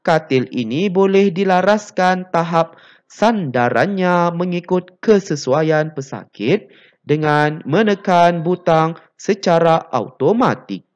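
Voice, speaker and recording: A modest male welder, read out by a teacher explains his invention in a plain, steady voice. The pitch still moves a fair amount as he talks. The sound is dull and lo-fi. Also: slow pace.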